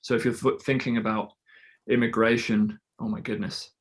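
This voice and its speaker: Mid-pitched man, easygoing and reflective, talking through his way of working. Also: level tone, normal speed. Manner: reflective, loosely explaining his process. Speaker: guest storyteller. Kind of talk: casual conversation.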